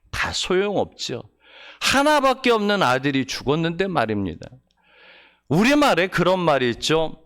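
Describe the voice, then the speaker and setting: Emotive male pastor, lively pitch. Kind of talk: Sunday sermon. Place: church service.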